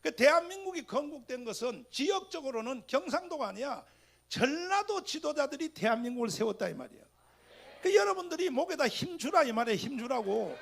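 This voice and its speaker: A man giving a fiery rally speech, firing rhetorical questions at the crowd, with sudden loud bursts and religious exclamations. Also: very high voice, very animated, fairly quick, gravelly. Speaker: speaker addressing a political rally.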